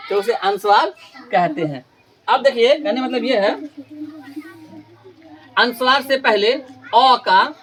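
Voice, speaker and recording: In a classroom lesson with students, a man teaches Hindi grammar, drilling by repeating every question and answer and drawing out key terms slowly for emphasis. His voice sits high with a fairly bright tone, and there's a little hiss or hum.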